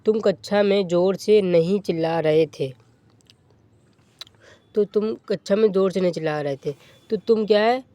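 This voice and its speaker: A male teacher giving a grammar lesson, asking questions and answering them himself, repeating each rule and slowing down to dictate example sentences. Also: sits high, dark tone, no echo. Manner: asks and answers own questions, repeats rules.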